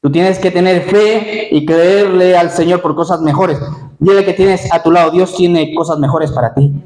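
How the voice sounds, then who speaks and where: A male pastor preaching to his congregation, his fairly high voice ringing through an echoey church hall. He talks lively and keeps turning to the people with questions. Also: normal speed. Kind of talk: sermon. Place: Spain.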